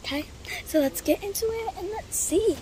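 Young woman vlogger, high and animated, unhurried delivery, outdoor phone audio with clear background noise. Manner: giggly, easygoing, says "like" a lot. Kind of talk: casual outdoor vlog chat. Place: outdoor park trail by a river. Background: outdoor ambience.

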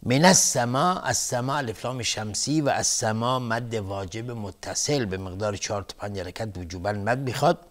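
A man with a somewhat low voice gives a televised Quran recitation lesson. He goes through each rule methodically and one step at a time. His delivery stays soft-spoken and low-key. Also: hardly any pauses. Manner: methodical, explains rules step by step.

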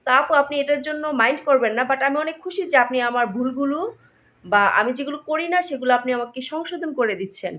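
A woman's voice: high-pitched, fast, fairly bright tone. A woman with a Narsingdi Bengali accent, chatting casually to her viewers as a vlogger and mixing in English words. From Narsingdi, Bangladesh. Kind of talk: casual vlog chat to viewers.

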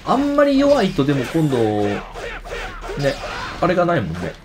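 Over a noisy background and loud game music, a fairly high-pitched streamer talks at a moderate pace with huge pitch swings. His let's-play commentary is casual and chatty, full of aloud reactions and back talk to the enemies on screen.

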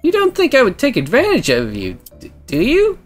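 A woman's voice: high voice, wildly swooping pitch, moderate pace, faint music behind, pitched above the performer's own voice, exaggerated voice. A woman voicing an awkward, innocent, blunt hooded traveller in a visual novel. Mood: tactless.

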